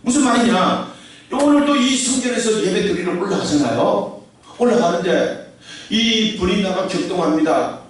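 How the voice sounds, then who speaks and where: High-voiced male pastor in an echoing hall. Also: animated, moderate pace. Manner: emphatic preaching, calls the congregation to say amen. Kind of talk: sermon. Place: large echoey church sanctuary. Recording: very echoey hall, voice from far off the mic.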